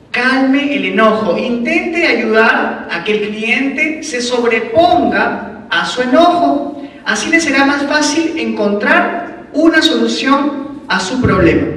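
Man, classroom instructor, high and bright, chatty with rhetorical questions, recorded far off in a hall with long reverb. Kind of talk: classroom lecture. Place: lecture room. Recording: echoey hall, mic far off.

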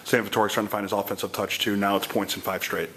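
A man with a lowish voice asks post-game questions quickly and evenly, each one set up with a brisk lead-in. A faint hum of noise sits under his voice. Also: little pitch movement, sharp tone. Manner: brisk, scripted-sounding lead-ins to questions. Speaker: team broadcaster interviewer.

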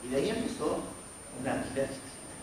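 A man's voice: medium pitch, lively intonation, fairly quick. A man in his forties with an Argentine accent, preaching a sermon as a personal testimony and voicing the people in his story. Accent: Argentine Spanish. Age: 40s. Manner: storytelling with acted quotes of others. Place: church sanctuary. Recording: very echoey church hall from far off, faint noise.

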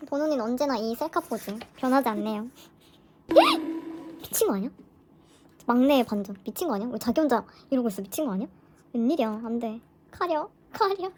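A woman chatting casually through an unboxing vlog, gushing with excitement as a fan. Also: a little high, quick pace, slight background noise. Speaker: vlogger.

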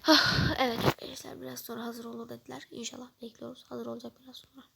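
A woman plays a hungry, fretful young diner who keeps confiding in the viewers. Her voice sits a bit high and has a light creak, and she often drops to a hushed aside. This is a toy role-play narration. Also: flat delivery, fast, slight background noise. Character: flustered young woman waiting for food at a restaurant, hungry and stressed.

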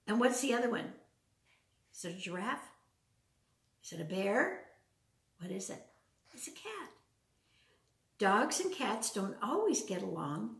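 An older woman, about 70, reads a picture book to young children in a large open wood-floored living room, stopping for simple questions and chatty asides. Her voice is a little high with big pitch swings, and she's heard from a distance with a roomy echo.

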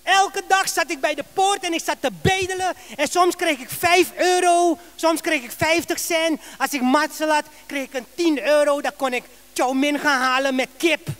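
A man's voice: very high voice, fairly even intonation, moderate pace, hardly any pauses, a bit bright. A man voicing a formerly blind male beggar who tells his story earnestly. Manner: earnest storytelling, addressing the listener.

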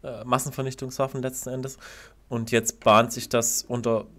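A man co-hosting a podcast chats in a relaxed, agreeable way. He sometimes stumbles and repeats words. His voice sits at a middle pitch. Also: normal speed. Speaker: podcast co-host. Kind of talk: casual chat.

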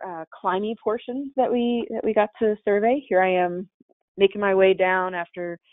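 A medium-pitched voice with no room sound talks through slides for a webinar audience. The presenter, a caver, keeps it casual and chatty, often restarting sentences and leaning on fillers, and the call mic gives a tinny, dry quality.

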